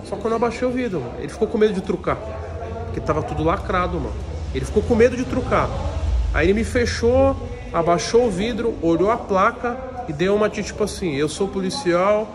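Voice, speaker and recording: A man chats through his vlog in a slangy, joking way, his voice sitting a little high. Busy crowd noise carries all around him as he talks. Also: lively intonation, fast talker. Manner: slangy, joking, calls people "pai". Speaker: vlogger host. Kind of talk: casual vlog chat.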